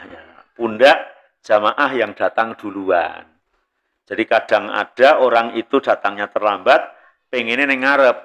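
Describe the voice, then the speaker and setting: A man's voice: medium pitch, a bit bright. A middle-aged man with a Javanese accent giving a religious study talk, chatty and joking, laughing often and slipping into Javanese. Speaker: preacher.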